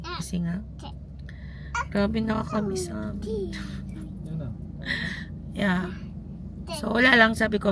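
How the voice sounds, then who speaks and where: Woman, Filipino accent, hoarse from a cold; slow, chatty phone vlog outdoors with traffic noise. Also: mid-range voice. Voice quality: husky. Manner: chatty, switching between Tagalog and English, addressing viewers as moms. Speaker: vlogger. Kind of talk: casual vlog chat. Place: outdoors and in a car around town.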